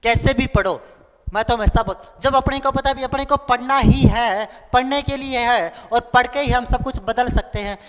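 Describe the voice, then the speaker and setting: Speaking at a moderate pace in an extremely high pitch, a man of twenty-one runs an exam-prep class. His style is colloquial and playful; he repeats the main points like a drill and voices the questions students might ask. Clicks and noise fill the audio, which echoes as if in a hall.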